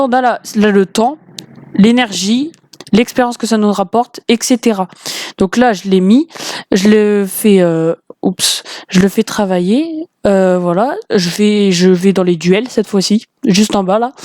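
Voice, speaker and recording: Woman, gaming host, casual walkthrough commentary, hesitant with fillers, mellow tone, dry recording. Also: medium pitch, no room sound. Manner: hesitant, many fillers, explaining step by step.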